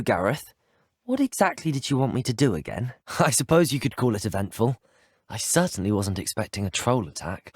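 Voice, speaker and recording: A plucky teenage student wizard voices scripted lines for a video game player character, speaking with a British accent in a slightly husky, expressive, middling-pitched voice. He is polite, earnest and well-spoken, and the sound is close and dry with no room sound.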